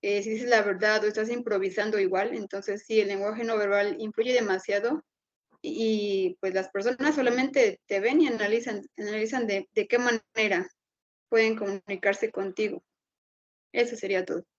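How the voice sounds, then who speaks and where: A woman's voice: medium pitch, fairly even intonation, normal speed, lo-fi sound. A woman presenting her argument in a debate over a video call, earnestly listing her points with fillers. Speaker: debate participant.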